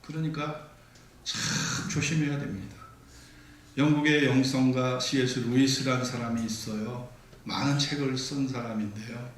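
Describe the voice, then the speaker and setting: A man's voice: mid-range voice, steady tone, normal speed, a little hiss or hum. A man preaching a sermon as pastor, telling stories and acting out the lines of the people in them. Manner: storytelling, acts out quoted dialogue. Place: church sanctuary. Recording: echoey church hall, mic from a distance.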